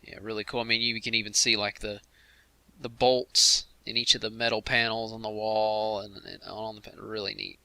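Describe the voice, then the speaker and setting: A man hosting a casual game commentary livestream, chatty and quick to laugh as he talks to the chat room. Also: fairly low pitch, flat delivery, creaky, bright, forceful tone, no room sound. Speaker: host of a game commentary stream.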